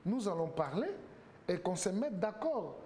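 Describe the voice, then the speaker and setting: A man speaks as a talk show guest, his voice pitched a little high. He argues emphatically, firing rhetorical questions and stacking repeated words, with a faint hiss behind him. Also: very animated, unhurried, darkish tone. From Congo. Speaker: political guest.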